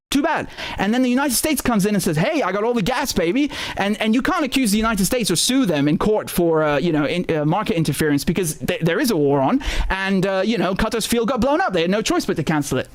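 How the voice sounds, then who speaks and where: In a high-sitting voice, a man runs a live stream covering current events. His delivery is casual, animated and sardonic, full of repeated words and swearing.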